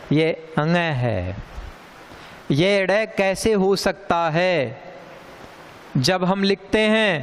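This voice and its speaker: A man teaching a grammar lesson, speaking slowly and deliberately and repeating sounds for emphasis. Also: high-pitched, slight background noise. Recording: long hall reverb.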